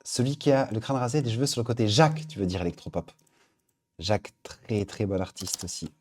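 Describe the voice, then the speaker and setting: A man's voice: on the low side, expressive, brisk, darkish tone. A man hosting a live stream, chatting casually as he reads out viewer suggestions. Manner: upbeat, chatty, thinking aloud. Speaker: livestream host.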